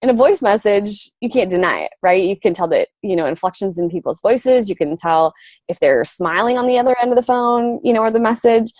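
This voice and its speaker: A woman's voice: mid-range voice, fairly quick, a little mellow, no echo. A woman in her thirties, a coach on a casual team call, rambling with lots of fillers and frequent laughs.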